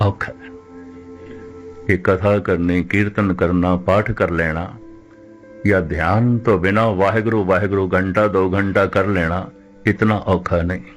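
An older man giving a measured religious discourse, repeating phrases and slowing down to recite scripture. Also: deep voice, fairly even intonation, faint music behind. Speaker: Sikh preacher giving katha.

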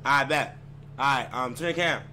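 A man's voice: medium pitch, measured pace, sharp tone. A man hosting a dating game on stream, giving orders in slang and repeating "bet" and "I'm saying.". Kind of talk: casual hosting over a group call. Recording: noisy stream call audio with hum.

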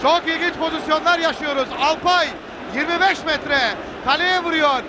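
A man calling a football match live on television, excited and breaking into screamed goal calls. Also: extremely high pitch, normal speed. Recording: noisy 1990s broadcast, loud stadium crowd. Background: roaring stadium crowd.

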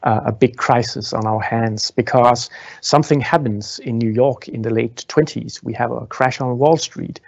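Man in his thirties, live tour guide, halting and filler-heavy, a little gravelly, muffled lapel mic. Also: mid-range voice, steady tone, no room sound. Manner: halting, many fillers and restarts, gestures while talking. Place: indoor museum exhibition hall. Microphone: clip-on lapel mic. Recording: dull lo-fi sound.

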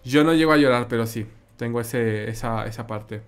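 At a normal speed and in a mid-range voice, a man with a Mexican accent streams his gameplay with live commentary. He chats casually, answers what viewers write in chat, and repeats himself often.

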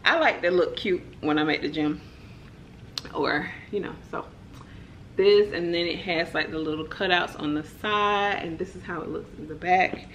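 Young woman w/ showing her haul, chatty and relaxed, lowish voice, faint room hum. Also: moderate pace. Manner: chatty, relaxed, lots of "like" and "y'all". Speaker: vlogger. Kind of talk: casual haul chat to camera.

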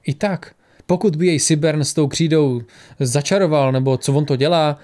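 A calm, aloof wizard, as a male narrator voices him, laying things out in a level, matter-of-fact way. It is an audiobook reading at an even middle pitch. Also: lightly acted.

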